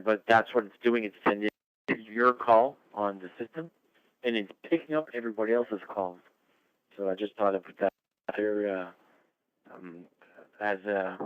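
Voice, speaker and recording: A man's voice: fairly low pitch, a bit bright, clear, resonant tone, dry recording, rough recording. A man chatting casually as an amateur radio net controller over a two-way radio, rambling and friendly. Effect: two-way radio transmission.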